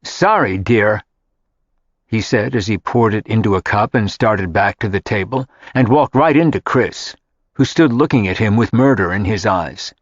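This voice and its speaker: A man's voice: lowish voice, moderate pace, husky, no echo. Male audiobook narrator, dry lo-fi read. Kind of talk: scripted narration.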